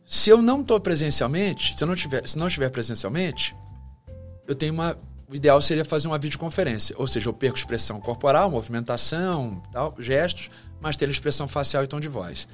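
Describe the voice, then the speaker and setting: A man from Brazil with a slightly raised pitch talks in a teaching tone, breaking ideas into steps and acting out little example lines. He speaks as a guest on an interview podcast, with faint music behind him. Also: expressive, quick pace, a bit bright. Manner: didactic, acts out short example phrases. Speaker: communication professor and guest.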